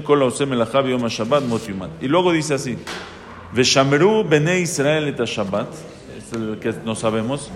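A man, a rabbi, teaching a Torah lesson to a live audience, reading Hebrew verses and translating them, often asking and answering his own questions. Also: medium pitch. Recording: reverberant hall.

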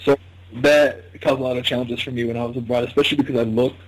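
Some background noise surrounds a man with an American accent. He speaks at a medium pitch in a casual, halting way, thinking aloud as he answers in conversation. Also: flat delivery. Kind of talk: casual chat.

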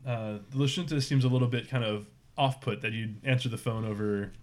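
Man narrating as a relaxed game master. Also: mid-range voice, brisk. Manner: relaxed, loose, many fillers. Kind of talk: narrating a tabletop role-playing game.

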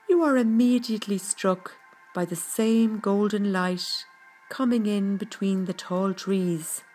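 A woman leads a guided meditation at a very slow, measured pace. Her delivery is gentle and soothing, with a mid-range pitch. Soft music plays faintly behind her scripted narration. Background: background music.

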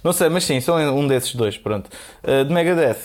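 Podcaster with a European Portuguese accent, medium-pitched voice, relaxed and digressive, for casual conversation. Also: male voice, brisk. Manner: rambling, many fillers, laughs often. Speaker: podcast co-host. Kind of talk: casual chat.

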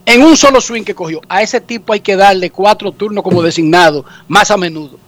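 A man's voice: sits high, brisk, fairly bright tone, no room sound. A man with a Dominican accent hosting a sports radio show, joking and theatrical. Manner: joking, theatrical mock sobbing. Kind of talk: comic sports talk radio.

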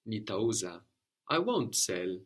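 A man's voice: on the low side, sing-song, takes it slowly, fairly bright tone, slightly rough. A man teaching a one-on-one language lesson, patiently prompting questions and repeating his student's answers.

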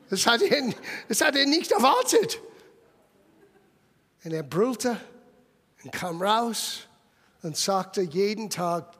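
High-voiced animated preacher man in an echoey hall. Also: breathy edge. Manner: lively storytelling, mixes English phrases into German; bursts into loud exclamations. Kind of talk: sermon. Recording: long echoey hall reverb.

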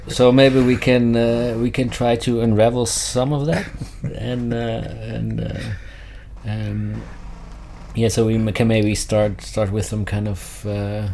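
A man's voice: on the low side, gravelly, warm tone, a little hiss or hum. A man hosting a casual podcast interview, rambling and self-deprecating as he sets things up. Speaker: podcast host.

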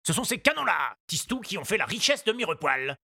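A man voicing a brusque factory boss who shouts his answers in a storybook reading. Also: high-pitched, big pitch swings, brisk, creaky, pitched above the performer's own voice, full character voice. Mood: boastful. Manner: barking, shouting over factory noise.

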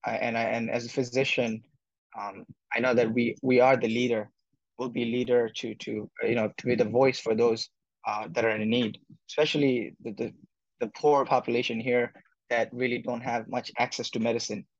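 A man's voice: mid-range voice, little pitch movement, normal speed, no room sound, highs cut off. A man from Bangladesh, a medical student, answering interview questions with many fillers and restarts.

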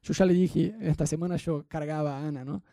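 A man's voice: a little high, steady tone, fairly quick, gravelly, dark tone, no room sound, clean studio sound. A young man preaching a conversational sermon with a Rioplatense Spanish accent, often asking the congregation questions. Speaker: pastor.

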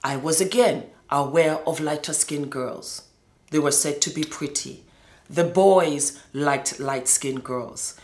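Recounting her life story, a middle-aged former model from Nigeria and Scotland speaks slowly in a fairly low, darkish voice. Her testimony is emphatic, with words repeated to drive them home, and the indoor space sounds roomy and echoing.

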